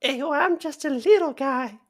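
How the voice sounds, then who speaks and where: A woman's voice: sits high, a little slow, voice pushed up. A woman voicing a small, whiny little guy in a raised, childish voice.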